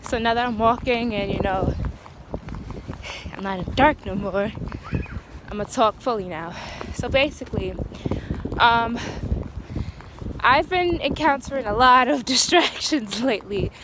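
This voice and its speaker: Young woman, casual walking vlog, out of breath, candid and chatty, fairly high voice, faint outdoor noise. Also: measured pace, long pauses. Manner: candid, chatty, laughs between sentences. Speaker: vlogger.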